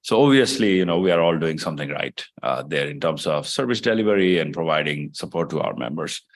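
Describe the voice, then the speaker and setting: A man from Nepal chairing a members meeting, speaking off the cuff with many pauses and fillers. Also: a bass voice, lively intonation. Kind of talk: unscripted meeting address.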